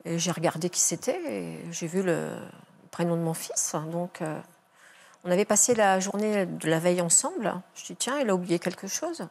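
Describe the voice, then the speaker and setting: An older woman, a grandmother, giving a halting, emotional account in a TV studio interview, repeating her words as she relives the events. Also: fairly low pitch, gravelly, darkish tone. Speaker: grandmother of a victim, guest.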